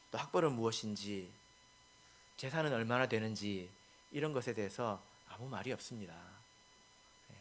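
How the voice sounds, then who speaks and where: A male pastor preaching a sermon, stressing points and asking the congregation questions, with many soft filler words between lines. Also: medium pitch.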